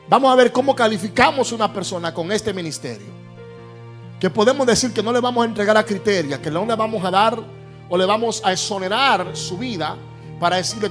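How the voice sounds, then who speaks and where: A man's voice: sits high, a bit bright. A man with a Caribbean Spanish accent preaching a Pentecostal sermon as a pastor, in an emphatic, declamatory manner with repeated phrases.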